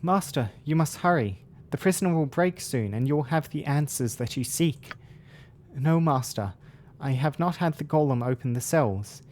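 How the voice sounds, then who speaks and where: A man's voice: a little high, animated, normal speed, a little mellow, lightly acted. A man voicing an obedient, anxious servant in a fantasy game, speaking deferentially to a master.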